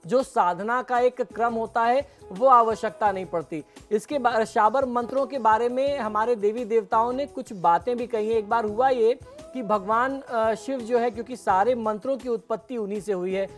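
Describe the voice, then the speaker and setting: A middle-aged man, an astrologer guest on a TV program, explaining devotional mantras in a measured way and chanting them slowly. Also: extremely high pitch, soft background music.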